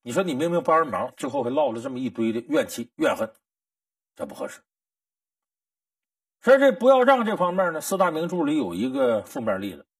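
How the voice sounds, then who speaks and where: A man's voice: sits high, breathy edge, no room sound, studio quality, recorded from a distance. A man giving a folksy storytelling lecture about helping others, with rhetorical questions and colloquial asides. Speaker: storyteller teacher.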